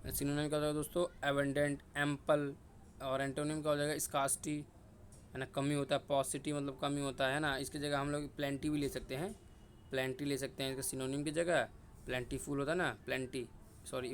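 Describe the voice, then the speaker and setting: A young man from India teaches vocabulary for competitive exams, drilling each word again and again and tossing questions to the viewer before answering them himself. His voice sits at a middling pitch for a man. A faint hiss of noise runs under the recording. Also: level tone, a little fast. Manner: repetitive, drilling words and asking himself questions. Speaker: exam-prep vocabulary teacher. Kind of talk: casual Hindi vocabulary lesson with memory tricks.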